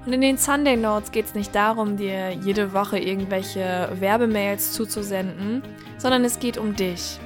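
A woman's voice: mid-range voice, unhurried, music in the background. A woman hosting her own podcast, talking casually and eagerly retelling a film with many fillers. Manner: warm, enthusiastic retelling with frequent fillers. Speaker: podcast host.

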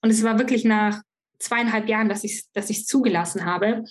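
This podcast guest, a young woman, talks openly and with feeling about her life during an interview conversation. She restarts sentences often, speaking fairly quickly in a mid-range voice with fairly even intonation.

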